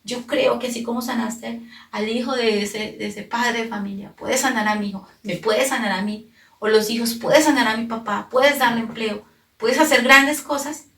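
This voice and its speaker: A woman's voice: a little high, fairly even intonation, moderate pace, vocal fry. A woman with a Colombian accent giving an earnest Bible sermon to families and children, explaining the scripture step by step. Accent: Colombian Spanish. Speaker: children's program preacher. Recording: echoey room, distant mic.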